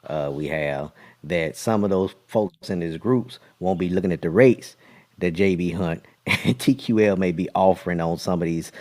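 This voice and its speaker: A man's voice: low-pitched, moderate pace, a little mellow. A man co-hosting a casual talk show, speaking in an easygoing, conversational way. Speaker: podcast co-host. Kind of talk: casual chat.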